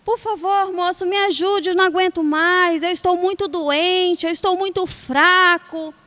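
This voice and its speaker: A woman's voice: very high-pitched, fairly even intonation, measured pace, sharp tone, in a large hall, heavily acted. A woman voicing a weak, sick wolf who begs a passing man for help in a storybook tale. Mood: pleading. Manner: pleading, weary.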